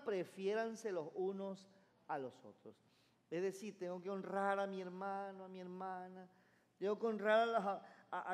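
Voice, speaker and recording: High-voiced emphatic pastor preaching. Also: male voice. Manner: emphatic, calls congregation to repeat phrases. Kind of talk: sermon. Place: church sanctuary. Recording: long church reverb.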